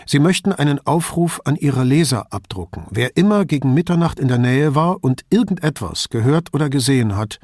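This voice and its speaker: A man reading an audiobook, voicing a firm, dryly ironic male police commissioner giving brisk instructions. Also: medium pitch, lively intonation, darkish tone, no echo, clean studio sound, voice pushed up, close to an everyday voice.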